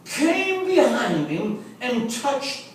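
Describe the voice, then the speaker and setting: A visiting preacher whose first language is Afrikaans delivers a revival sermon in English, his extremely high voice swooping wildly and drawing out words. Rhythmic repetition builds to emphatic calls, with joking asides to the congregation. He is recorded from a distance in an echoey church sanctuary with slight background noise.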